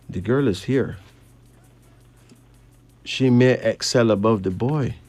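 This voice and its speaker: A man's voice: mid-range voice, a little mellow. A man from Barbados, chatting and reading cards, emphatic with rising questions. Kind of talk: casual chat and card reading.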